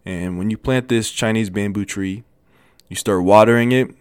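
A man's voice: fairly low pitch, normal speed, clean tone, dry recording, studio quality. Young man telling a motivational story. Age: 20s. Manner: animated, repetitive, lots of restarts. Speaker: motivational vlogger.

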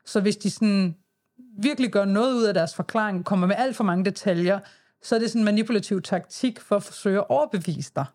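A woman's voice: medium pitch, darkish tone. A Danish-accented woman co-hosting a podcast in casual conversation, with a wry, self-deprecating way of talking. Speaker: podcast co-host. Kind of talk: casual chat.

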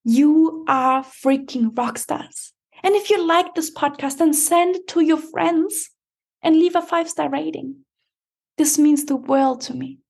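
A woman with a high, creaky voice delivers a motivational podcast monologue. She talks directly to the listener like an empowerment coach, emphatic and encouraging, with vocal fry running through her speech. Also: darkish tone. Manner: emphatic, encouraging pep talk addressed straight to the listener.

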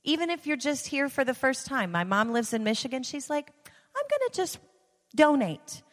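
A woman's voice: sits high, a little fast, a bit bright. A woman giving an informal, conversational sermon in an encouraging manner, repeating phrases for emphasis. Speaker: church speaker leading a giving appeal. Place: large reverberant room, addressing a gathering. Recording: reverberant hall sound.

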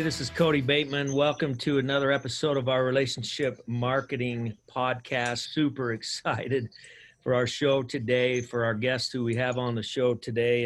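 A man hosts an interview podcast in an upbeat, chatty way. His voice sits at a middling pitch, and he rambles a little, often restarting his sentences. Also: a bit bright. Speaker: podcast host. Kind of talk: casual interview hosting.

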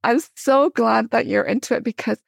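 Her pitch runs fairly high with fairly even intonation and a creaky texture, delivered at normal speed in clean studio sound without echo. She is a middle-aged Korean-born theologian and teacher, in the US since 1975, chatting eagerly as a podcast interview guest.

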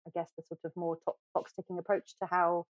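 A British florist appears as a guest on a podcast, telling stories in a casual interview with a chatty, animated, self-deprecating style full of fillers and restarts. Her voice runs on the low side at a quick pace. The studio recording is dry, with no echo and a slightly dull sound.

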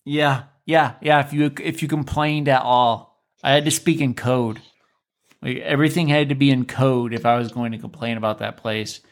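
A man hosting a casual interview, talking in an animated, sarcastic way. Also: mid-range voice, normal speed. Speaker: podcast host.

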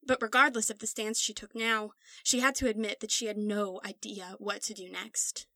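Bright-voiced woman narrating a story. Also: medium pitch, little pitch movement, moderate pace, no room sound.

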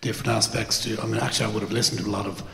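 A man, a songwriter guest, talking in a relaxed, easygoing, slightly hesitant way. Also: fairly low pitch, racing, gravelly. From Ireland. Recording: echoey hall with faint noise.

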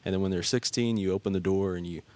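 A man with a very deep voice, speaking in casual conversation. He tells his stories earnestly and leans on frequent fillers as he goes. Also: fairly even intonation, fast, darkish tone, dry recording. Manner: storytelling, filler-heavy, earnest. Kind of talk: casual chat.

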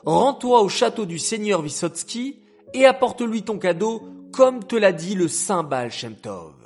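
A firm, insistent wife in a storybook tale, as a male narrator puts her on, raised high above his own voice. She speaks slowly and leaves no room for doubt. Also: big pitch swings, soft background music, exaggerated voice.

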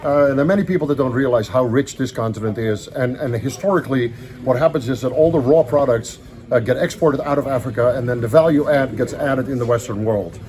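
Recorded outdoors on a farm, a man raised in Ethiopia appears as a podcast guest in a casual chat. His medium-pitched voice moves fairly quickly as he tells stories with animated earnestness.

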